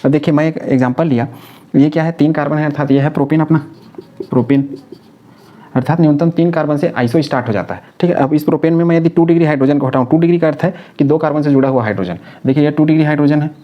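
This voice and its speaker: A man lecturing on chemistry at a brisk clip, his voice sitting a little high. He walks through each step, repeats the key terms and answers his own questions. The recording is dull and lo-fi. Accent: Hindi-speaking North Indian. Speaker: chemistry teacher. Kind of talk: classroom lecture.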